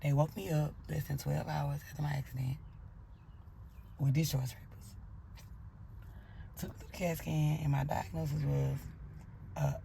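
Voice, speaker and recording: A woman's voice: low-pitched, little pitch movement, measured pace, creaky, long pauses, mellow, slight background noise. A woman telling a personal story in a blunt, profane way, acting out her own angry outbursts as she goes.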